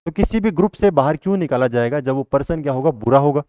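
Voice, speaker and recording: A man's voice: a little high, lively intonation, fast, dark tone, no echo, lo-fi sound. A male teacher giving a vocabulary lesson. He keeps asking the class a question and then answering it himself.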